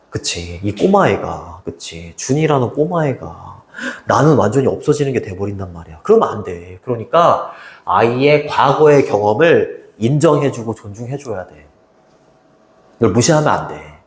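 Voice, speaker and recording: A man teaching an English lesson to high school students in a chatty way, often checking in with them. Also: roomy sound, slight background noise. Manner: lively, chatty, keeps asking students "right?".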